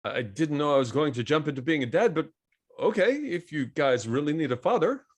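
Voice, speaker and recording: A man's voice: on the high side, expressive, a little fast. An actor playing an earnest middle-aged man on a date, reading his lines with awkward, eager banter in a table read.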